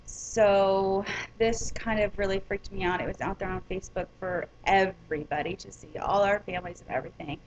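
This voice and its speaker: A woman's voice: mid-range voice, steady tone, moderate pace, highs cut off, slight background noise. A woman vlogger telling a personal story in a casual, rambling way, with many ums and restarts.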